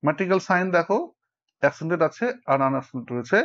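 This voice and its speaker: A man's voice: fairly high pitch, lively intonation, rapid-fire, a bit bright. Bengali-speaking male teacher, lo-fi sound. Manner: counts syllables aloud while explaining. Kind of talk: explanatory lesson. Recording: dull lo-fi recording.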